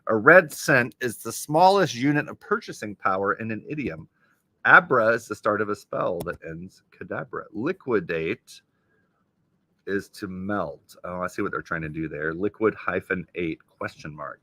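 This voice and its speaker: A man's voice: fairly low pitch, lively intonation, moderate pace, bright, forceful tone. A man hosting a casual live stream, reading crossword clues aloud and chatting about them as he goes.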